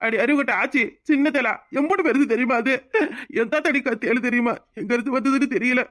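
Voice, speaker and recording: A woman voicing an emotional young village husband in a cartoon, with a Tirunelveli Tamil accent, pleading and quick to flare up. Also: sits high, fairly bright tone, no echo, studio quality. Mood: indignant. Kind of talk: cartoon voice acting.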